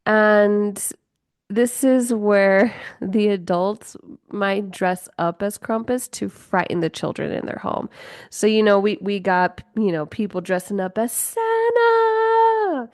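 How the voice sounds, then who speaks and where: A woman's voice: mid-range voice, steady tone, unhurried, no room sound, clean studio sound. A woman hosting a podcast on her own, talking casually with lots of fillers, swearing and laughing often. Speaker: podcast host. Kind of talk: casual solo podcast chat.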